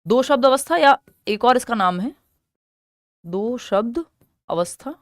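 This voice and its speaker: A young woman with an Indian accent teaching an exam-prep lesson. She explains step by step, repeats key terms slowly and asks questions that she answers herself. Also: on the high side, animated, no room sound, studio quality.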